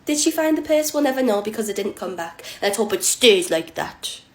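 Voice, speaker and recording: A woman works through a storytime rant about her job at the till. Her delivery is sarcastic and animated. She jumps from loud outbursts to hushed asides, with her voice sitting at a medium height. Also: fairly quick. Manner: animated, sarcastic, swings between loud bursts and low asides. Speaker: shop cashier. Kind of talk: storytime monologue.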